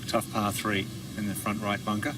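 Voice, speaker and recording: Lowish male golf commentator, noisy outdoor sound. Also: little pitch movement, normal speed. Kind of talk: live golf analysis, conversational. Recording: distant, noisy outdoor ambience.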